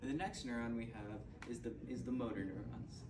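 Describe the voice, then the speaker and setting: A man presenting a scripted hard-sell infomercial, with a halting delivery that stumbles and repeats phrases. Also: medium pitch. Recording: roomy, distant mic, clearly noisy.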